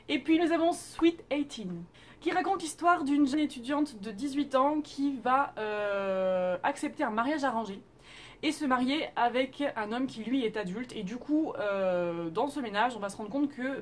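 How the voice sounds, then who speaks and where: High-voiced chatty woman vlogger. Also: slight background noise. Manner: chatty and expressive, with frequent fillers and playful asides. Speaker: YouTube host reviewing Korean dramas. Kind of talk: casual vlog recommendations.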